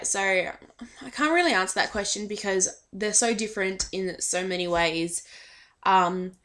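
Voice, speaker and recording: A woman's voice: mid-range voice, a bit bright. A young woman chatting casually in a fan vlog, hesitant and full of filler ums, a little shy. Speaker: vlogger.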